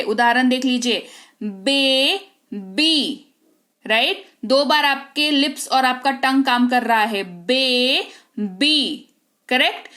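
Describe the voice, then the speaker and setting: A woman teaching an English spelling lesson in Hindi, patiently repeating example words slowly and checking in with her students. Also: sits high, a bit bright.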